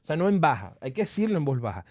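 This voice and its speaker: A man's voice: a little high, very animated, rapid-fire, darkish tone, no room sound, studio quality. A man hosting a live online workshop, talking through steps in a reflective coaching tone, often restarting his sentences. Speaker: workshop host.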